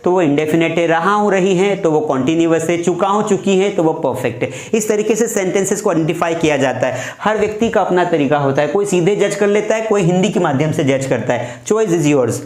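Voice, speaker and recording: A man delivers a classroom grammar lesson, his voice sitting a touch high. He walks through the rules step by step and drills example after example. The sound carries a noticeable room echo. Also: fairly quick, few pauses, a little mellow. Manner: explains step by step, repeats examples. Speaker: English teacher.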